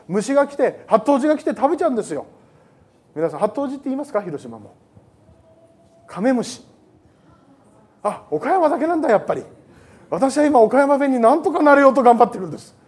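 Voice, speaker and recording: A male pastor preaching a sermon to a congregation in a lively, joking way that often wanders off topic. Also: high voice, husky. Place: church service with a congregation.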